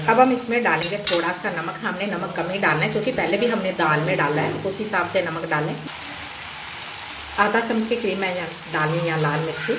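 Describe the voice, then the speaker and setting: A home cook with a mid-range voice teaches a recipe step by step indoors in her kitchen, taking an explanatory approach and going over steps again. Loud cooking noise and roomy echo are audible, with sizzles, stirring and clicks behind her.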